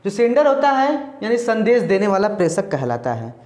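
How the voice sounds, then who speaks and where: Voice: mid-range voice, sing-song, moderate pace, darkish tone. Teacher going over a lesson step by step, keeps repeating stuff, kinda roomy echo. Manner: explains step by step, repeating points with frequent checking "ठीक"; mixes in English terms alongside Hindi ones. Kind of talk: recorded classroom-style lecture. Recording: echoey room.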